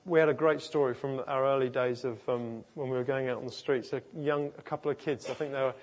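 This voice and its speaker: A man's voice: medium pitch, steady tone, fast talker. A man preaching a sermon in an informal, earnest way, often restarting and correcting himself mid-sentence. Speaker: pastor. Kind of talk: conversational sermon.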